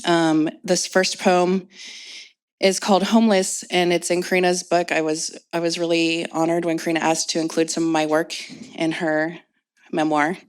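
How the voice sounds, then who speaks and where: Low-voiced woman reading her poetry. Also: level tone, moderate pace, clean tone. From Indianapolis, United States. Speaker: poet reading her work. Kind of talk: live reading and talk before an audience. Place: event space with an audience.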